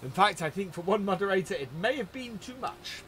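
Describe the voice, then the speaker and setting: A man's voice: high voice, expressive, fairly quick, a crowd in the background. A man hosting a live gameplay stream, chatting casually and greeting viewers by name while he plays. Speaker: livestream host.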